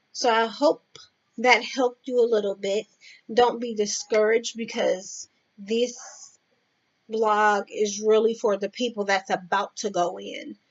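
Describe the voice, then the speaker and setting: Blunt, profane woman vlogging. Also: mid-range voice. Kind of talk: casual straight-talking vlog advice. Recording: dull lo-fi sound.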